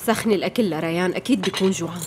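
An actress dubbing, in a Levantine Arabic accent, an anxious young wife who talks tensely and in hushed tones. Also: female voice, lowish voice, racing, noisy background, natural voice. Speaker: dubbing actor.

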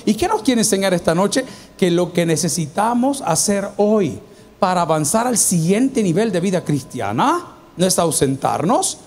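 A high-voiced man with a Salvadoran Spanish accent preaches a sermon to his congregation in a church hall. His delivery is animated; he acts out the voices of people he quotes and poses questions to the listeners.

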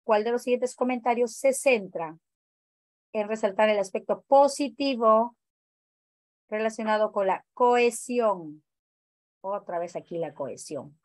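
A woman's voice: a little high, measured pace, long pauses, no room sound. A woman teacher leading an online training class, explaining exam answers and asking the group questions. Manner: questioning, explanatory, many fillers.

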